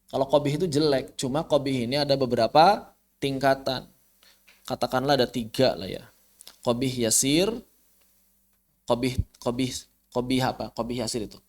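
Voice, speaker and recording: A man teaching Quran recitation rules in an online lesson, explaining with rhetorical questions and chanting Arabic verses slowly. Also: mid-range voice, a bit bright. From Indonesia.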